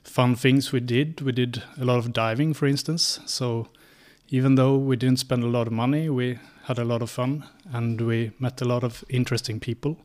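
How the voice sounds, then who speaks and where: A Swedish man in his thirties, a guest on an interview podcast, telling his story in a steady, methodical way with frequent pauses. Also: mid-range voice. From Sweden. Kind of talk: casual interview answers.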